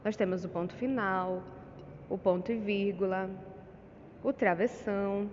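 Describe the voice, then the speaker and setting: A woman teacher with a Brazilian Portuguese accent talks her pupils through a lesson, patient and steady, checking in often with little questions. Her voice sits at an ordinary middle pitch. The sound is dull and lo-fi, with a long reverb tail and a faint hiss behind her. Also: measured pace. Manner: patient, with frequent "tá?" and "né?" check-ins.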